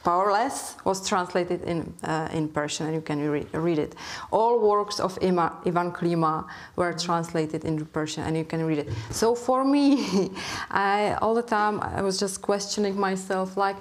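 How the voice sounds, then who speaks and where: Thoughtful low-voiced woman on a panel. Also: moderate pace. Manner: thoughtful, many hesitations, gently questioning. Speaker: panel guest, Iran expert. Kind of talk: panel debate. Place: public debate hall.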